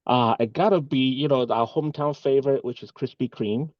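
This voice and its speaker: Over a muffled video call with no echo, a bank executive from Hong Kong answers as an interview guest. His medium-pitched voice moves briskly through earnest, rambling replies in a casual interview style.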